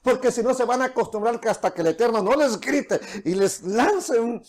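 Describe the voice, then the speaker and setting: A middle-aged pastor delivers a sermon to his congregation. He keeps breaking into small acted-out dialogues, dropping to a hushed, low voice for the people he quotes. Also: animated, moderate pace.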